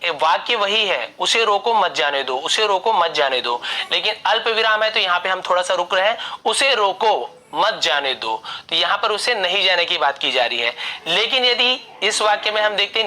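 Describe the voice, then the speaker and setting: A man's voice: high voice, sharp tone. A young man teaching a grammar lesson, patiently repeating example sentences aloud.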